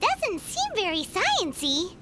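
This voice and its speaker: A woman's voice: extremely high pitch, huge pitch swings, slow, heavy background noise, exaggerated voice. A woman voicing Paimon, a tiny bratty floating companion who speaks of herself in the third person. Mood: excitable. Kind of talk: video game voice acting. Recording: game audio with loud music.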